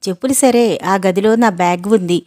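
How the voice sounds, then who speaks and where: A woman's voice: medium pitch, moderate pace, warm tone, no echo, lightly acted. A woman voicing a hot-tempered young man who scolds sharply in an audiobook story. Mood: irritated.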